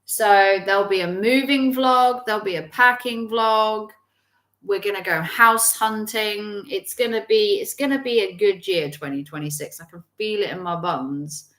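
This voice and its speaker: A woman's voice: mid-range voice, a little slow, a bit bright, echoey room. A woman in her forties, chatting casually on a livestream and reading viewer comments, rambling with frequent restarts. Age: 40s. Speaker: livestream host.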